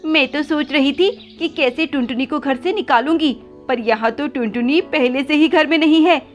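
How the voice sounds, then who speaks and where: A woman's voice: high-pitched, moderate pace, soft background music, voice pushed up, lightly acted. A woman voicing a greedy, scheming female crow who talks harshly and dismissively. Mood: gloating.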